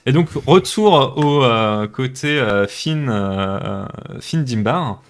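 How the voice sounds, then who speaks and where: A man runs a tabletop role-playing game at a mid pitch. He narrates in a relaxed, hesitant way and fills his pauses as he thinks. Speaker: game master.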